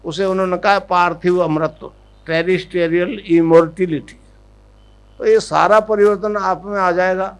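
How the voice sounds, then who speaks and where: A man giving a devotional discourse as a spiritual guru, teaching in an instructive way, often checking that listeners have understood and repeating a chant slowly for them to follow. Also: high voice, fairly even intonation, poor audio.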